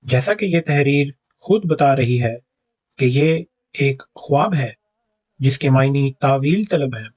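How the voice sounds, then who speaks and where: A man reading a scripted religious rebuttal in a measured, argumentative way, quoting passages aloud. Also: medium pitch, a little mellow. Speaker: religious commentator rebutting a critic.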